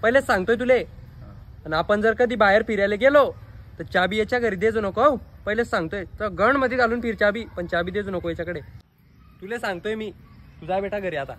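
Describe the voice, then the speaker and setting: A man's voice: high-pitched, fairly quick, a bit bright. A man with a Khandeshi Marathi accent acting in a comedy sketch, bluntly warning and scolding. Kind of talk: comic neighbour quarrel sketch.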